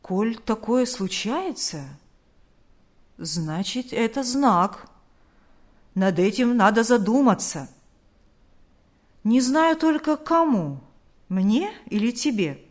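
A hoarse, folksy old neighbor, as a woman voices him in an audiobook, rambling philosophically and without hurry. The voice lifts higher and louder than her narration and swings widely in pitch. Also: animated. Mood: musing. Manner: unhurried, musing, calls her "kiddo".

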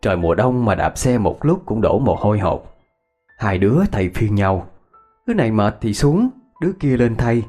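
A man's voice: fairly low pitch, animated, normal speed, warm tone, faint music behind. A man narrating a ghost story in a reminiscing storyteller's cadence.

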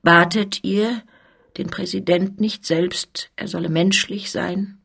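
Woman reading as a smooth, insistent police officer. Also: mid-range voice, fairly even intonation, takes it slowly, fairly bright tone, heavily acted. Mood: persuasive. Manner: formal, persuasive speech.

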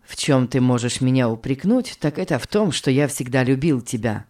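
A woman's voice: extremely low pitch, expressive, normal speed, dark tone, voice pushed down. A woman voicing an anguished married man begging his young lover to take him back, in a read-aloud story. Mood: pleading. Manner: pleading, wheedling.

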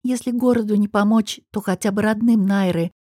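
A woman narrates a first-person fantasy audiobook in an even, expressive manner. Her voice is warm and mellow with a soft, breathy edge, and the recording is close and dry. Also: medium pitch, brisk, no echo.

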